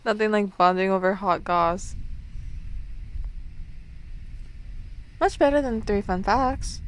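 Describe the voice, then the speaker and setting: In an acted ASMR roleplay, a woman with a natural, mid-range voice plays a bubbly, playful, awkward speed dater, talking conversationally to the listener. Flustered yet friendly, she's chatty, rambling, giggly and hesitant, young at heart. The poor audio carries a little hiss or hum.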